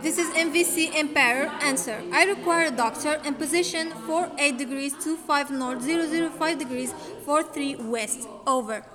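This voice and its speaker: A woman's voice: high-pitched, moderate pace, hardly any pauses, natural voice. A woman playing a ship's officer, speaking in formal marine radio procedure and repeating call signs. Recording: echoey hall with crowd noise.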